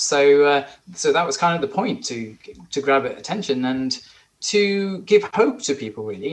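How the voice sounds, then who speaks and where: A man's voice: on the high side, a bit bright. A man in his forties from Sri Lanka, a podcast guest telling his story in an earnest, eager way with some restarts. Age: 40s. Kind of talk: conversational interview.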